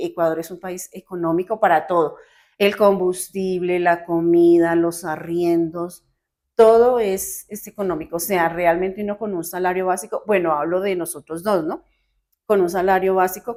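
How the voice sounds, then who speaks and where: A middle-aged woman from Colombia chatting casually as a podcast guest, telling her story in a relaxed way and often repeating words as she goes. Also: lowish voice, moderate pace. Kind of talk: casual chat.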